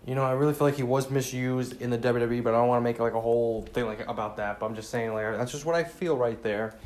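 A man's voice: medium pitch, fairly even intonation, fast talker, a little mellow. Saddened man, solo podcast host, rambling sincere casual chat, faint hiss behind. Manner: rambling, sincere, many fillers and restarts. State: saddened, subdued. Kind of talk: casual solo tribute talk.

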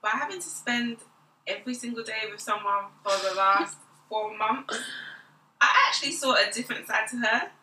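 A middle-aged woman chats hesitantly and laughs as she tells stories. Her voice sounds very bright and carries a roomy echo. She sits a little away from the mic. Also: a little high, moderate pace, a little hiss or hum. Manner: hesitant, laughs, animated retelling. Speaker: guest, host's mother. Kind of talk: casual chat. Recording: echoey, a bit far from the mic.

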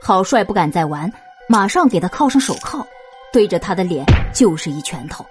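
A woman with a husky voice narrating a suspense audio drama in an expressive storytelling manner. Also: lowish voice, normal speed, over music.

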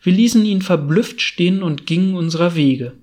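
Man narrating an audiobook, slightly high voice. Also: normal speed, darkish tone.

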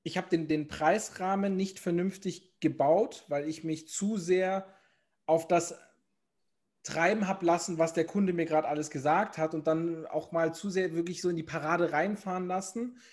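Guy rambling in a podcast chat, kinda high voice, lots of ums. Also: fairly even intonation, normal speed, darkish tone. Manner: rambling, many fillers and restarts. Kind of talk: casual chat.

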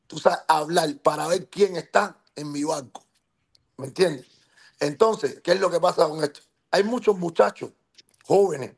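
A man's voice: a little high, husky. A man with a Cuban accent speaking as a podcast guest, passionate and emphatic, who keeps checking that he is understood and pushes on to hold the floor. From Cuba. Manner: insistent, interrupts to hold the floor. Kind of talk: heated podcast talk.

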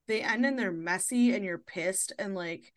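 A woman's voice: medium pitch, moderate pace. A woman in her thirties hosting a podcast, chatting casually and laughing often, with lots of fillers. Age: 30s. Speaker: podcast host.

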